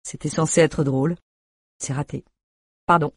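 A reader voicing a grumpy man, a doctor with dry, sardonic humour, in an audiobook; the voice is husky. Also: mid-range voice, fairly even intonation, moderate pace, dry recording.

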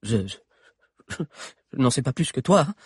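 A man's voice: a little high, slow, husky, dry recording, studio quality, pitched above the performer's own voice, heavily acted. A man reading an audiobook and voicing a defiant, stubborn teenage boy who stammers under pressure. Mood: stammering. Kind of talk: audiobook character voice.

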